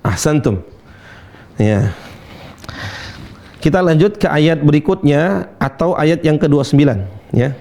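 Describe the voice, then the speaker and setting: A male Quran teacher leading a call-and-repeat tajwid lesson, reciting verses slowly and demonstrating letter sounds, with gentle encouragement between counts. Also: fairly high pitch, animated.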